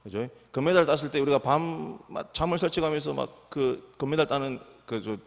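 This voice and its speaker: A man's voice: fairly high pitch, fairly quick, creaky. A middle-aged man, a pastor, preaching a sermon to his congregation and often asking them questions. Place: church sanctuary. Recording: reverberant church hall.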